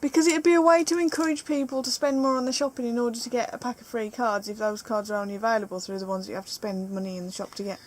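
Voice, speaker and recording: Chatty British woman, higher voice. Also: steady tone, rapid-fire, hardly any pauses. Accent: British English. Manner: playful, chatty, reads card text aloud. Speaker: co-host opening trading cards. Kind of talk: casual chat. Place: living room at home.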